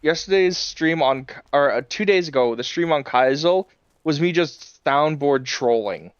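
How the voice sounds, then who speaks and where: A man's voice: fairly high pitch, lively intonation, moderate pace, clean tone, no echo, highs cut off. A man streaming a game, chatting casually and rambling with lots of fillers and chuckles. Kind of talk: casual live-stream chat while playing.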